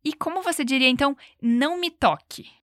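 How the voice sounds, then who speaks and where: A woman teaching English in a bilingual lesson, giving clear encouraging repeat-after-me drills and slowing down to model pronunciation. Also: high voice, no echo, studio quality.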